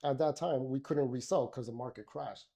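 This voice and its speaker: Creaky and dark-toned, this mid-range male voice moves at a moderate pace. The speaker is a middle-aged Miami, Florida man on a podcast, chatting casually in an interview and frequently restarting or using fillers.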